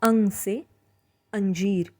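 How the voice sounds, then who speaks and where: A woman teaching a language lesson, slowly drawing out example words and explaining how to say them. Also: medium pitch, steady tone, a little mellow. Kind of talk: slow spoken language lesson.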